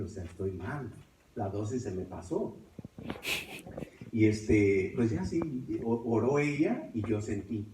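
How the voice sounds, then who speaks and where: A man's voice: fairly low pitch, background noise. Man preaching. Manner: storytelling, swings between loud and hushed. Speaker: preacher giving testimony. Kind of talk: testimony sermon. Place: church. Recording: echoey church from far off.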